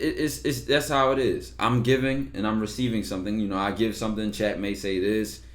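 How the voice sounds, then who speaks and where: Blunt low-voiced streamer man. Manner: blunt, loose and swearing, with many rhetorical questions. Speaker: streamer hosting call-ins. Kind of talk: casual live-stream chat.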